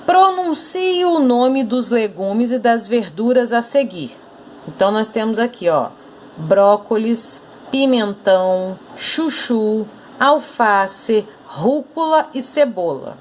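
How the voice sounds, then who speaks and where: A woman with a Brazilian Portuguese accent teaching an online lesson, saying words slowly and clearly and asking the students questions. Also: a little high, animated, a little mellow, a little hiss or hum. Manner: slow, clearly stressed syllables, asking questions.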